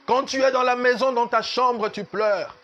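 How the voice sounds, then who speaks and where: A man's voice: very high-pitched, steady tone, normal speed, fairly bright tone, highs cut off, soft background music. A man pastor, preaching a sermon at a church service in an emphatic, repetitive way that slips into sung lines.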